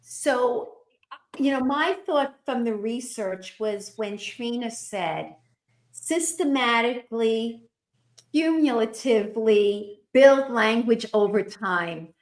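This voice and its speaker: High-voiced, unhurried woman host in a roomy space. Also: animated. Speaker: podcast co-host. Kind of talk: conversational hosting. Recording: roomy, echoing sound.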